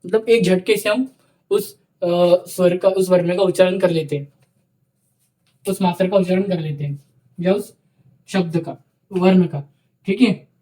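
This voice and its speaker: Mellow-voiced male teacher dictating notes. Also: sits high, steady tone. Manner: repeats phrases slowly for note-taking, says "ठीक है" often. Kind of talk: dictated classroom lecture.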